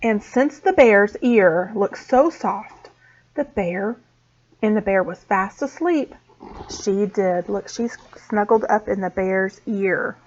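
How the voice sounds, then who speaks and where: A woman teacher reading a storybook aloud to small children, expressive and slow. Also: medium pitch. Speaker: preschool teacher. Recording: dull lo-fi sound.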